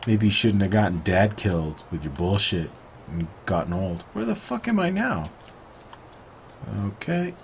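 Man, low voice, crude jokey let's play commentary, faint hiss. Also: big pitch swings, measured pace, vocal fry. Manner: crude, joking, sarcastic. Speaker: video game player.

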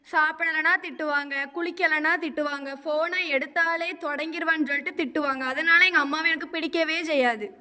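A woman's voice: high voice, fairly even intonation, fairly quick, few pauses, sharp tone, big-room sound. A woman playing a stubborn, withdrawn teenage daughter who answers in blunt, pouting, childish retorts. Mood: sulky. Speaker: daughter at counseling. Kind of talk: amateur comedy stage acting.

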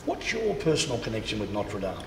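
Male presenter, mid-pitched voice, upbeat and chatty, cathedral echo, long reverb, faint hiss. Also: big pitch swings, brisk. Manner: chatty, promotional, addresses viewers as folks. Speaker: interviewer and presenter. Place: large cathedral interior.

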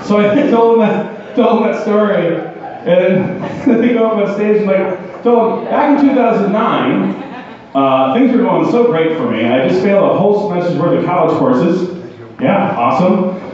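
A man's voice: sits high, animated, moderate pace, a little mellow. A man doing a rambling, self-mocking stand-up set at an open mic in a bar. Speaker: stand-up comedian. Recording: distant echoey dull bar recording.

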